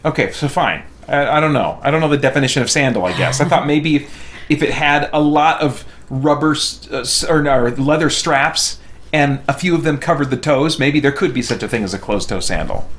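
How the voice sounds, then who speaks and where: This game streamer and reviewer hosts his stream in a voice on the high side, talking a little fast with a fairly bright tone. He rambles and thinks aloud in casual chat while playing, with clear background noise behind him.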